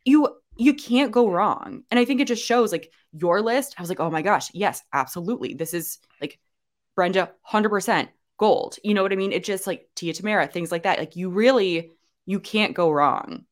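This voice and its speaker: Her mid-range voice is expressive and moderately paced as this young woman co-hosts a laid-back podcast. The talk is loose and chatty, packed with fillers and false starts.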